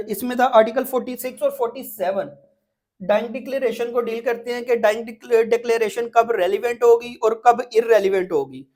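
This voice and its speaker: A woman with a Pakistani accent gives an informal lecture as an exam prep teacher, working step by step, repeating points often and checking in with students. Her voice is fairly high with a darkish tone.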